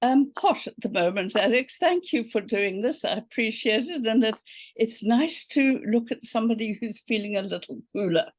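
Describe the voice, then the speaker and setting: A woman's voice: fairly high pitch, expressive, moderate pace, dry recording. South african lady in her 70s, chatty, lots of ums and okays, dry close sound on a video call. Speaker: quilting teacher, guest. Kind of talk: casual interview chat.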